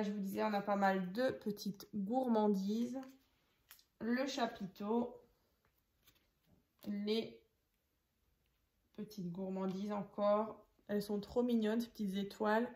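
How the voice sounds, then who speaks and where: Slow-talking woman showing a craft. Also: medium pitch, steady tone, darkish tone. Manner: chatty, thinks aloud, counts pieces while working. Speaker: craft tutorial host. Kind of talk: casual craft tutorial. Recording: echoey room.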